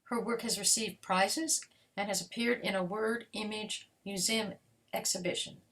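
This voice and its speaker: A woman's voice: mid-range voice, fairly even intonation, normal speed, a bit bright. A woman hosting an online poetry event, welcoming the audience and reading out the first poet's bio in a plain, level way. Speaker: host and event organizer. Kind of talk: introducing readers at a poetry event.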